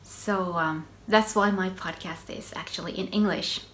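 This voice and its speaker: Unhurried and steady in tone, a fairly low-pitched woman talks over a little hiss or hum. She's a middle-aged Finland-Swedish speaker from Finland, Swedish by native tongue, hosting a casual solo knitting video podcast in a chatty way, with frequent ums, soft little laughs, and self-interruptions.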